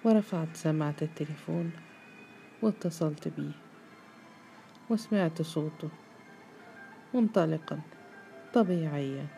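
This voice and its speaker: A woman's voice: low voice, unhurried, creaky, pauses often, dark tone, faint music behind. A woman narrating a first-person story in a reflective, subdued way.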